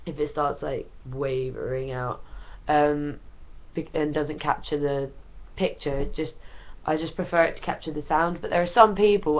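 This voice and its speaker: Ill young woman rambling chattily. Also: sits low. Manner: rambling, chatty, lots of ums and likes. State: ill, sounds under the weather. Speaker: vlogger. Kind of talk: casual chat to camera. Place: at home, wrapped in a blanket. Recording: dull lo-fi recording.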